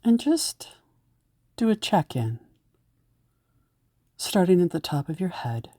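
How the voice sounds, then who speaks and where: Her voice low and mellow, a woman narrates a guided meditation slowly, with big swings in pitch. Each soothing, gentle instruction is given unhurriedly, recorded close and dry with no surrounding room.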